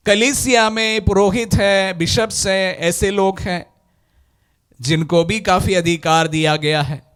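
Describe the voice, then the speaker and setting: A male priest reading the gospel at Mass and preaching in a slow, measured way. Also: high-pitched, steady tone, a bit bright, clear, resonant tone. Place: church.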